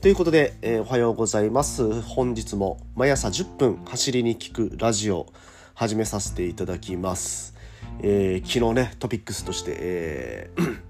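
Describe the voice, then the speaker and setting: A man with a scratchy, hoarse throat from a cold, speaking as the host of a casual morning radio monologue in a chatty, polite way. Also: fairly low pitch, lively intonation, normal speed, a little mellow, soft background music. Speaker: radio host and cycling tour guide.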